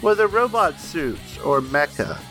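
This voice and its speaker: A man's voice: on the high side, big pitch swings, measured pace, fairly bright tone, soft background music. A man co-hosting a podcast in casual chat, talking hesitantly with lots of "like" and "um". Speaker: podcast co-host.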